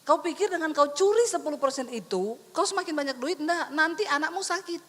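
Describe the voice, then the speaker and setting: Animated woman pastor preaching, high voice. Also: a little fast. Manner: animated, teasing, acts out quoted people. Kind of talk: sermon. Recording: long hall reverb.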